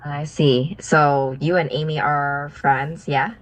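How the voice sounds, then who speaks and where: A young woman from Vietnam, a business partner chatting casually on a video call, friendly and asking questions with fillers and soft laughs. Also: sits low, fairly even intonation, slow pace, low-quality recording.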